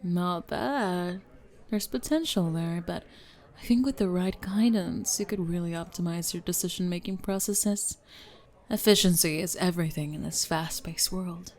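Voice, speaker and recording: A woman playing a brisk, driven CEO on a speed date in a scripted ASMR role-play, formal and businesslike, with pointed questions. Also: on the low side, a little mellow, natural voice. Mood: probing, assured.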